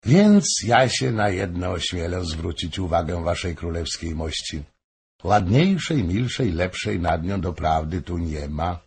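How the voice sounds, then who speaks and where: A man's voice: deep voice, expressive, unhurried, darkish tone, husky, heavily acted. A man reading aloud, voicing a scheming noblewoman who coaxes a king. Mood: coaxing. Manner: coaxing, insinuating. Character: scheming noblewoman, persuasive and sly.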